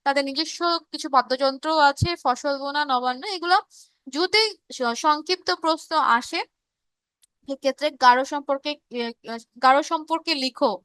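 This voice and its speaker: High, bright-voiced woman teaching online. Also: moderate pace, long pauses, no echo. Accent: Bangladeshi Bengali. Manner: reads chat messages aloud and answers students; explanatory, with frequent fillers and restarts. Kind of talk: live online revision class.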